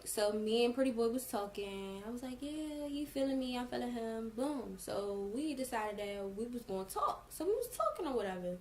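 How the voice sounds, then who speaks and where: Young woman telling a vlog story. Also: a little high. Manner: emphatic, acts out quoted dialogue. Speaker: vlogger. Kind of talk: storytime vlog, casual retelling.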